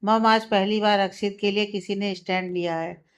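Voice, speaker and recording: A cheerful young man, put on by a woman storyteller, making light joking remarks. The voice is smooth and clear, near the reader's own. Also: medium pitch, fairly even intonation, normal speed, natural voice.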